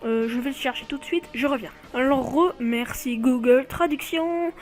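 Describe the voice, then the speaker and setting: A woman's voice: high voice, a little fast, soft background music. A woman hosting a casual video showcase of game cards, chatting and often correcting herself mid-sentence. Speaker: video host.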